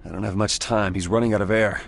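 Low-voiced grim young vigilante. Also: male voice, fairly even intonation, vocal fry, a little hiss or hum. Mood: worried, grim. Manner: measured, serious, thinking aloud. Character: young male vigilante hero, grim and determined. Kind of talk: video game voice acting.

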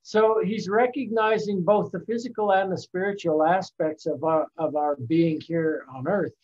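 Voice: medium pitch, normal speed, a little mellow. Musing presenter, dull lo-fi audio. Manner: thoughtful, musing, reads quotations aloud. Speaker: presenter of a lecture series. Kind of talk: reflective spoken presentation.

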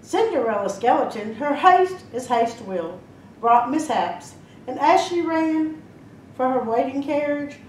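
A woman librarian reads a rhyming storybook aloud, slowly and expressively, her fairly high voice swinging up and down. She is heard from a little way off in a roomy library space, with a faint rumble behind. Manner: lively, expressive reading with slips and restarts. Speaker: children's librarian. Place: library room. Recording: roomy echo, mic at a distance, faint rumble.

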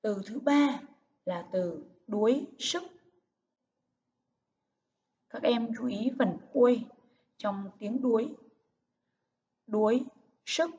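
A woman teacher giving a reading lesson to young children, speaking slowly with careful, clear enunciation. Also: on the high side, dark tone. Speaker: primary school teacher. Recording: distant, muffled recording with faint hiss.

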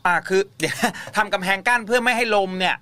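A man hosting a late-night radio talk show, calm and soothing, giving short acknowledgements. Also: high-pitched, fast, no room sound. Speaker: host.

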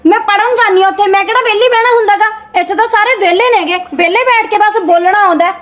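Playing a spoiled, vain daughter in college, a young adult actress in a Punjabi short film talks back to her sister-in-law and pleads with her father for cash. Her delivery is snappy and racing, her voice very high and a bit bright.

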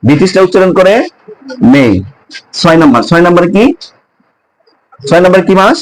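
A man teaches a pronunciation lesson on English month names to his students. He asks them question after question and repeats each word slowly. His voice sits a bit higher than most men's. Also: poor audio. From Bangladesh.

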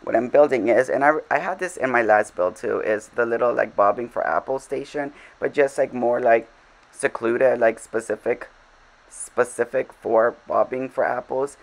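A man's voice: medium pitch, normal speed, vocal fry, low-quality recording. A man giving casual, rambling commentary over his game, full of fillers and self-deprecating asides. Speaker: game vlogger.

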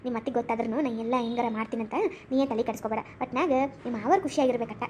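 A woman as a rapid-fire fussing village aunty. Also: a little high, fairly even intonation, dark tone, a little hiss or hum, lightly acted. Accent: North Karnataka. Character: chatty village aunty, eager hostess. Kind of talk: cartoon comedy voice acting.

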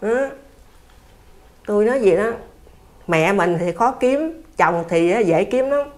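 Her voice is medium-pitched, expressive, a little slow and a little mellow. An older Southern Vietnamese-accented woman, she answers as an interviewee by telling a story conversationally, in an earnest, plain, repetitive manner.

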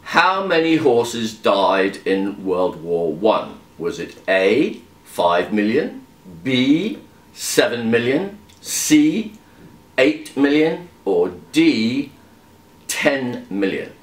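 A man's voice: mid-range voice, very animated, drawn-out words. A man hosting a quiz, reading out the questions with chatty, wry asides between them. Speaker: quiz host. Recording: echoey room.

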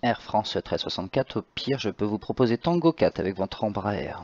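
Guy doing air traffic control from the tower, clearances, bit muffled lo-fi sound. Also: fairly low pitch, very animated, moderate pace, a little mellow. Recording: slightly dull, band-limited voice channel.

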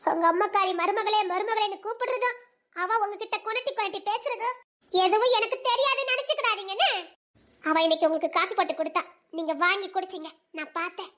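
A woman's voice: very high-pitched, fast talker, bright, forceful tone. A woman playing a hurt young village wife who speaks sharply and bitterly to her husband. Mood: reproachful. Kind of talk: audio drama acting.

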